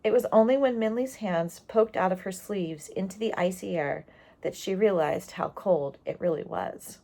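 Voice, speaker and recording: A woman reading a storybook aloud, expressive and explanatory, pausing on key words and adding asides for young listeners. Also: mid-range voice, creaky.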